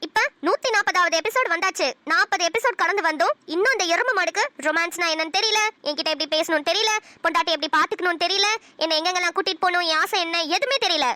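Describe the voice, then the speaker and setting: A woman voicing a fiery, sharp-tongued young wife in a cartoon, scolding in a rapid-fire stream. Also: very high voice, no echo. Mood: ranting. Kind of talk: cartoon voice acting.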